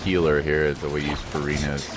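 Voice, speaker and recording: Over game music, a male streamer talks through his gameplay in a rumbling low voice, flat in delivery and at a moderate pace. His commentary is casual and playful, with phrases repeated for emphasis.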